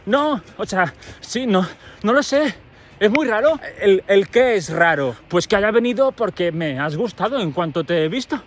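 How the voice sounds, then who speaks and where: A man's voice: high voice, animated, moderate pace, slight background noise, voice pushed up. A man voicing an awkward, bashful teenage boy who stammers and hesitates.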